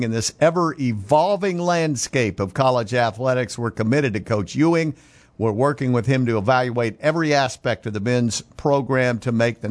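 An American man hosting on radio, reading through a sports news update. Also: medium pitch.

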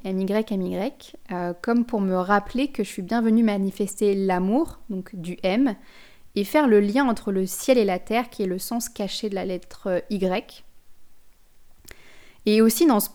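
A woman's voice: mid-range voice, a little mellow. Female podcast host, thoughtful spiritual talk, personal and direct. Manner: reflective, addresses listener directly, frequent restarts.

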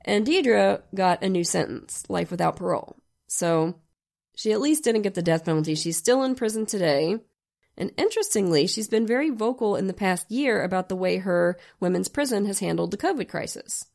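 A hoarse woman with a gravelly, croaky voice, telling true crime stories conversationally as a podcast host, in a wry, emphatic way. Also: medium pitch, expressive, moderate pace, darkish tone. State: hoarse from a sinus infection.

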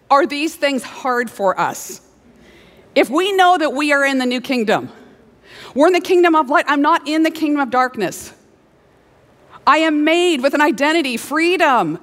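A woman preacher delivers a sermon in an animated, conversational storytelling way. Her voice is high and swings widely in pitch. It carries through a large hall with a long reverb. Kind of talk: sermon with acted-out stories.

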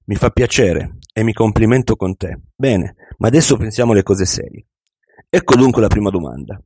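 A wise, unhurried older millionaire , voiced by a man reading an audiobook speaks in measured, instructive tones. The voice sits low and dark with a slightly husky edge. The recording is dry and close. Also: expressive, dry recording. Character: wise, calm older male millionaire mentor.

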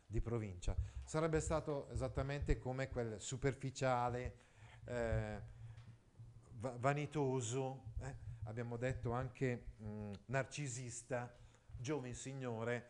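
A man's voice: mid-range voice, darkish tone. A middle-aged man giving a literature lesson. He reads passages from a text and explains them to his class, with asides and rhetorical questions. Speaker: literature teacher.

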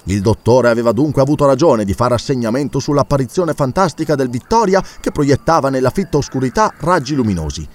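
A man reading a classic adventure novel aloud as an audiobook, with an expressive, dramatic delivery. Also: medium pitch, fast, hardly any pauses. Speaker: audiobook narrator. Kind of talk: audiobook narration.

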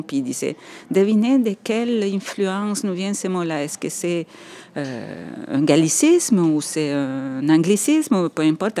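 In a low, dark-toned voice, a native Spanish speaker shares memories of her earlier life during a podcast interview. She reflects as she goes, with hesitations and bursts of laughter.

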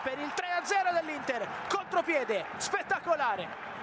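A man gives breathless football goal commentary in a very high, excited voice. He calls the play urgently over a loud stadium crowd. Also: measured pace, background noise.

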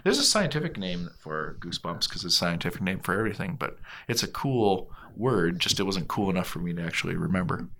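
A man co-hosting a casual podcast, speaking in a fairly low, dry monotone. His delivery stays flat and understated while he riffs with friends. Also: a little fast, vocal fry, hardly any pauses. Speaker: podcast co-host. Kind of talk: casual chat.

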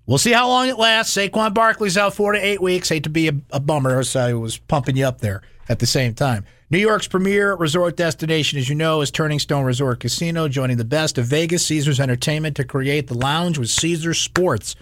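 A man's voice: fairly high pitch, fairly quick, few pauses, a bit bright, dry recording. A man hosting sports talk radio, speaking emphatically and playfully, repeating phrases for effect. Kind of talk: animated sports radio monologue.

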